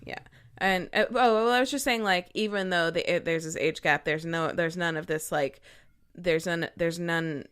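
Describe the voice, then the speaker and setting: A woman's voice: fairly low pitch, moderate pace, fairly bright tone, clean tone. A woman co-hosting a podcast from a video call, rambling casually and laughing easily. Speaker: podcast co-host. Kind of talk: casual chat. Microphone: remote video call.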